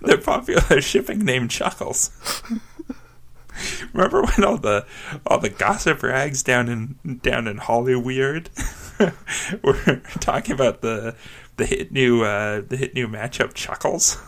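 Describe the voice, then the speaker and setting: A man talks slowly in a loose, joking conversation. His pitch swings widely as he delivers deadpan absurd bits and laughs often. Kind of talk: joking casual chat.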